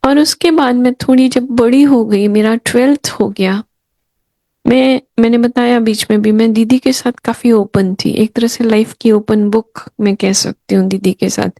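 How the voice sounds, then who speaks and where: A middle-aged woman tells childhood stories to a gathering in an unhurried, repeating way. She slips into the voices of elders and her younger self as she quotes them. Her voice sits at a medium pitch, and the sound is close and dry. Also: creaky, a little mellow, no echo. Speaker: spiritual speaker sharing memories. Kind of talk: storytelling talk to a gathering.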